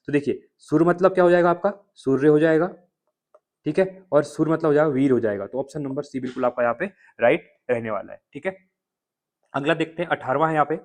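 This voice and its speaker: A man teaching as an exam coach, walking through test questions one by one and checking often that listeners follow, with an Uttarakhand Hindi accent. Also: a little high. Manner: explains answers step by step, repeating checks with listeners.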